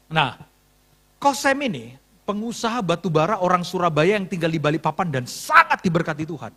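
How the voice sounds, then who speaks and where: Preacher, male, bright high voice with big swings, acts out every line of dialogue. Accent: Indonesian. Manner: animated, acts out dialogue, jokes with congregation. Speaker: pastor. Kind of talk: sermon storytelling. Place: church hall.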